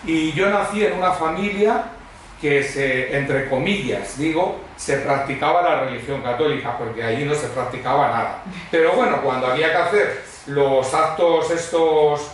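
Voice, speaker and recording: A middle-aged or older Spanish man from Madrid, speaking as a guest preacher, shares his testimony in a church hall with a voice on the high side and a moderate pace. He's conversational and expressive, straying into comic anecdotes. The sound is distant and very echoey, with faint noise.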